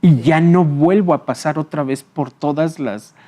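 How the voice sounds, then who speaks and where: Mellow-voiced psychologist explaining calmly. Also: male voice, on the high side, a little slow. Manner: calm and explanatory, checks in with a tag question; frequent filler hesitations. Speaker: psychologist and thanatologist guest. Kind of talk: explanatory interview talk.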